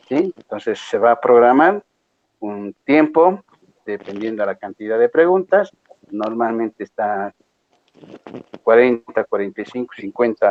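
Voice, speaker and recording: A man's voice: mid-range voice, lo-fi sound. A male lecturer patiently explaining exam rules to a class, often checking that students follow. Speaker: university lecturer.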